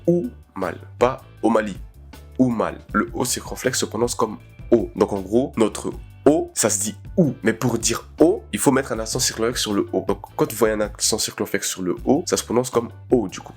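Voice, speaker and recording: A young man from Madagascar giving a casual, chatty pronunciation lesson, repeating each example slowly. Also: fairly low pitch, breathy edge. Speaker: language tutor, video creator.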